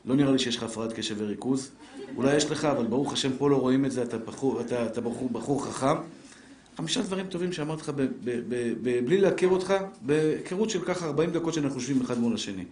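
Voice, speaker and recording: A middle-aged man, a rabbi, giving a live Torah lesson to a seated audience, talking straight to them with lively rhetorical questions. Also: medium pitch, slight background noise. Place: lecture room with a seated audience. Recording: roomy echoing room.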